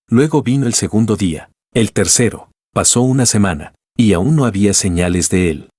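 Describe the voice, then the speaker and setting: A man narrating a scripted story in an even, measured reading. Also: lowish voice, slightly rough, no room sound, clean studio sound.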